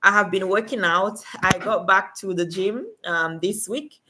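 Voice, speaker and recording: A woman's voice: medium pitch, unhurried, noisy background. A woman from Cameroon hosting a casual livestream, giving remote work advice and chatting with viewers, with many fillers.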